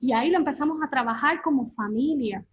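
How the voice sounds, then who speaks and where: Earnest high-voiced woman on a call. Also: fairly quick, husky, no room sound, lo-fi sound. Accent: Latin American Spanish. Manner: earnest, with many fillers and tag questions. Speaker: workshop speaker.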